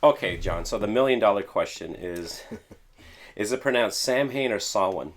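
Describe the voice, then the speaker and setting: A man's voice: fairly low pitch, moderate pace, faint music behind. A man hosting a show about records, chatting casually with a friend and laughing easily. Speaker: podcast host.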